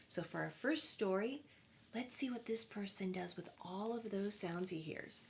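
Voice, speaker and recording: A woman reading aloud to young children as a preschool storytime host, in an expressive storytime voice. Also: medium pitch, gravelly, a little hiss or hum. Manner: storytime voice, slow and expressive with acted animal and object sounds.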